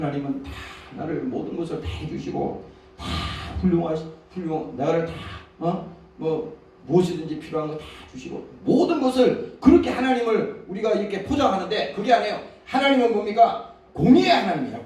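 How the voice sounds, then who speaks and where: High-voiced pastor preaching in an echoey hall. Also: male voice. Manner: preaching with rhetorical questions and frequent "eh?" asides; shifts between loud scripture reading and quiet asides. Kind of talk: sermon. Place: church sanctuary. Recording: echoey church hall from far off, faint noise.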